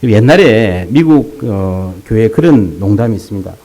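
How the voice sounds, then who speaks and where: In a low-quality recording, a pastor with a fairly low voice preaches a sermon at a moderate pace. He speaks straight to the congregation, lively and climbing to emphatic peaks, weaving in jokes and asides.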